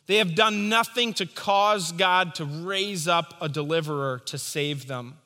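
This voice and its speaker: A man's voice: high voice, pushed and bright, in a large hall. A man preaching a sermon, emphatic and rising and falling for stress. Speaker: pastor.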